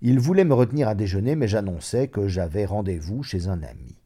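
A man narrating a classic short story in an expressive, measured reading. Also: fairly low pitch, slightly rough.

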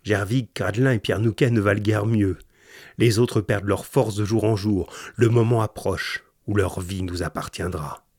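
A man's voice: fairly low pitch, fairly even intonation, normal speed, a little mellow, no echo, clean studio sound, close to an everyday voice. A man reading aloud, voicing a scornful, ironic mutinous ship's mate in a spoken storybook. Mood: sneering. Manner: ironic, cold.

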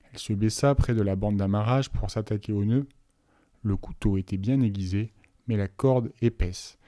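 A man narrating a novel aloud as an audiobook reader, telling the story in an even, measured way. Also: lowish voice, no room sound, clean studio sound.

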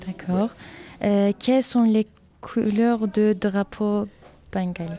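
A woman's voice: medium pitch, steady tone, takes it slowly, mellow. A woman interviewer asking short, scripted questions. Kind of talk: school interview.

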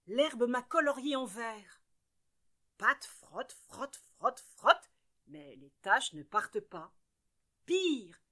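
A woman storyteller telling tales for children, expressive and playful with sound words. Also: a little high.

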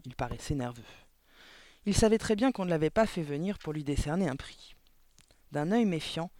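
A man reads a children's novel aloud with a lively, expressive delivery, pausing to explain odd words. His voice sits fairly high for a man, and the recording is dry and close. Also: dry recording. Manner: lively, expressive narration with asides. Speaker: audiobook reader. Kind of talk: storybook reading aloud.

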